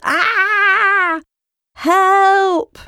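A woman's voice: fairly even intonation, takes it slowly, a little mellow, dry recording, studio quality. Woman voicing a panicky little frog. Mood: panicked. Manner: panicky, shrill cries. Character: nervous little male frog.

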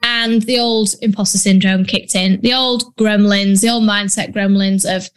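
This smooth, mid-range female voice holds a steady tone at a moderate pace. She's a Yorkshire business coach from northern England doing a relaxed solo podcast, speaking bluntly and chattily, peppering it with ums and British slang.

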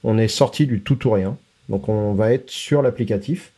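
A man's voice: fairly low pitch, normal speed, dark tone, breathy edge. A man co-hosting a casual tech podcast, explaining product releases with frequent hesitations and English tech terms mixed in.

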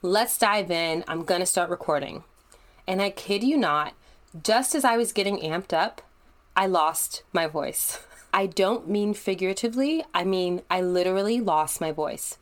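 A young adult woman hosts her own podcast in a solo monologue, sounding upbeat, conversational and encouraging. Her voice is on the low side and unhurried.

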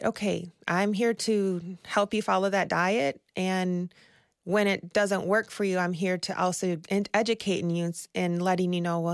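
A woman speaking as a nutrition coach guest on a podcast, explaining things in a measured way with small restarts. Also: fairly low pitch, dry recording, clean studio sound. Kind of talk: podcast conversation.

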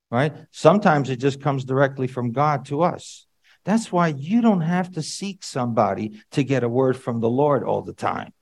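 Preacher with sudden loud bursts. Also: male voice, medium pitch. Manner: frequent asides and rhetorical questions to the congregation. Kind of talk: sermon.

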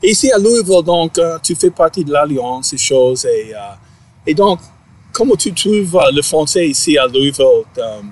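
A man whose first language is English, interviewing casually in a second language, halting and searching for his words. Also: on the high side, animated.

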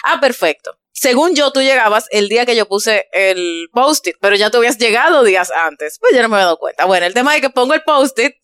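A woman hosts a casual podcast chat, telling stories with quick, friendly affirmations. Her voice sits somewhat high, and the recording is dry and close. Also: expressive, a bit bright, clear, resonant tone, dry recording. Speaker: podcast host.

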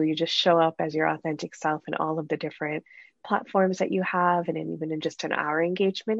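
A woman's voice: sits low, gravelly, no room sound. A woman hosting an interview, welcoming her guest with effusive praise. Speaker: podcast host. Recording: dull, dry lo-fi sound.

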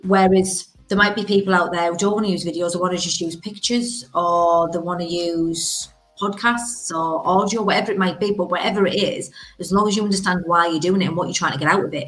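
Low-pitched Teesside woman, blunt and emphatic. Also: poor audio. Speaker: interview guest, business owner. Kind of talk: casual interview chat.

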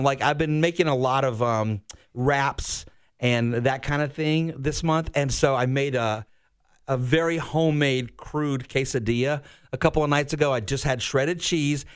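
An American man co-hosting a radio morning show in casual, chatty, animated, self-deprecating talk. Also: mid-range voice, clear, resonant tone.

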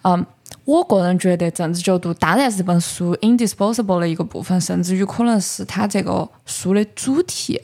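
A woman's voice: lowish voice, a little fast, mellow. A woman with a Sichuanese accent hosting a podcast in a casual, explanatory way, talking about books and dropping in English words. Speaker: podcast host. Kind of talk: casual book talk.

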